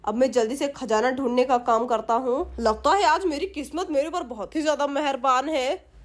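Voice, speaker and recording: A woman's voice: high voice, normal speed, lightly acted. A woman voicing a greedy male village thief who mutters his plans to himself and gloats.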